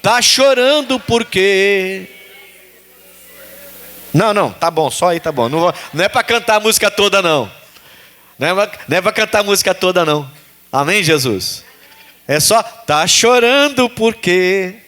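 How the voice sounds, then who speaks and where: A man's voice: high voice, animated, fast, bright, forceful tone. A man preaching a sermon as pastor, repeating phrases and putting questions to the congregation.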